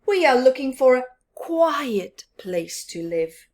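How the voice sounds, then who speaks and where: A woman's voice: high-pitched, big pitch swings, takes it slowly, a little mellow, exaggerated voice. A woman voicing an eager, fussy, plaintive young fox in a children's storybook, with emphatic exclamations. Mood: eager, pleading.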